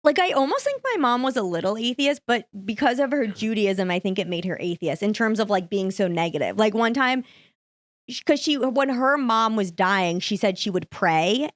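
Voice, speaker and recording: A woman's voice: fairly high pitch, lively intonation, normal speed, no room sound, clean studio sound. Playful young woman podcast guest. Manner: playful, peppered with "like". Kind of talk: casual chat. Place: studio.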